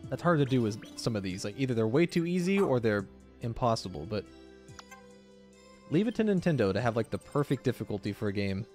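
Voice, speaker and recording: A man's voice: medium pitch, sing-song, fairly quick, a little mellow, soft background music. A man hosting a gaming video, giving casual, off-the-cuff commentary as he plays. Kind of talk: casual let's-play commentary.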